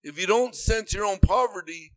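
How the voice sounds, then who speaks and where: A man's voice: high-pitched, normal speed, a bit bright, dry recording. A man preaching a sermon in an earnest, repetitive way that rises into emphatic bursts.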